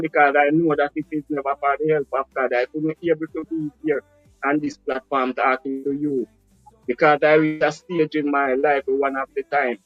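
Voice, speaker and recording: A man's voice: medium pitch, no room sound. Jamaican man on a dull call line. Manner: reflective, speaks patois, often asks "you understand?". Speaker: guest. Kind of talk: casual storytelling interview. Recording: dull lo-fi call audio with faint music.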